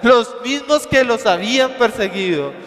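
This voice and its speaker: High-voiced preacher in a reverberant hall. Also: male voice, animated, a bit bright. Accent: Colombian Spanish. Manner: reads scripture slowly, then explains with emphasis; addresses listeners as brothers with rhetorical questions. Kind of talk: sermon.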